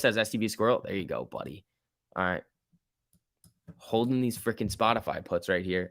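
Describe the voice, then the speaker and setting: A man's voice: lowish voice, a bit bright, no echo, clean studio sound. A man giving casual live market commentary as a stock trading streamer, reading out chat in slangy, repetitive bursts. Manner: informal slangy muttering to himself, repeats words.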